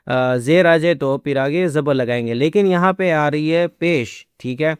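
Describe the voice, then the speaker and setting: Slow, spelling-out male Quran tutor. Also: a little high, smooth, no room sound, studio quality. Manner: spells letters and vowels aloud, drawing out recited words. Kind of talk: slow word-by-word recitation lesson.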